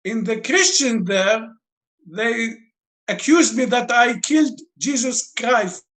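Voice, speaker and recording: A Lebanese man in his fifties speaks English as an interview guest, searching for words and breaking his grammar as he answers. His voice is very high-pitched, slow and fairly bright.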